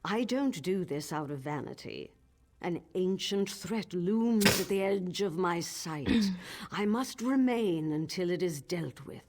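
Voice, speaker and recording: A haughty old sorceress for a fantasy game, lowish voice, really swoops around, commanding. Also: female voice, animated, slow pace, darkish tone, a little hiss or hum. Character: imperious, proud old sorceress, dismissive and determined. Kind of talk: fantasy video game acting.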